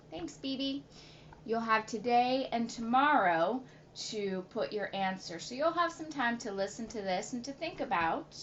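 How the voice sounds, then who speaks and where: Woman teacher, reading aloud to class, encouraging, mid pitch, slightly muffled recording. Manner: warm, encouraging. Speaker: third-grade teacher. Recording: slightly muffled home recording with faint hiss.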